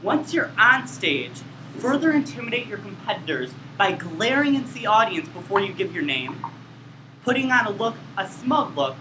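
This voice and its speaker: A man performing a comedy skit, giving deadpan mock-instructional narration. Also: high-pitched, moderate pace. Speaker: student performer. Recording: roomy, noisy room.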